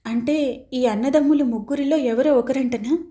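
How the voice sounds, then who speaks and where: A woman's voice: sits high, normal speed, dark tone, natural voice. A woman voicing an anxious young married woman in an audiobook, asking question after question.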